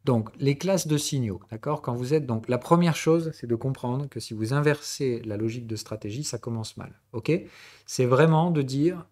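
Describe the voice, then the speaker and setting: A man from southern France hosts a live-streamed trading lesson and answers questions from the chat as they come up. His voice sits in a middle pitch. He explains in a relaxed, conversational way and keeps stopping to check that the audience is following. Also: normal speed. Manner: conversational tutoring, mixing formal and familiar address. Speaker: trading instructor and stream host.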